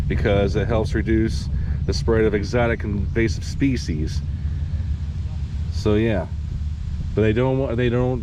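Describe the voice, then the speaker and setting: Casual male hiking vlogger, Midwestern American accent, chuckling and rambling, slightly breathless, faint outdoor background noise. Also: on the low side. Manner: rambling, chuckling, hedging with fillers. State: a little out of breath. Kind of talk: casual vlog narration while hiking. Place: outdoors on a wooded hiking trail.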